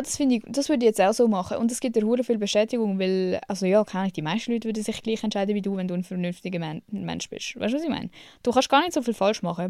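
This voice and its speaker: A woman's voice: mid-range voice, a little mellow, no room sound, clean studio sound. Blunt slangy Swiss German woman. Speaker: podcast host. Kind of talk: casual advice chat.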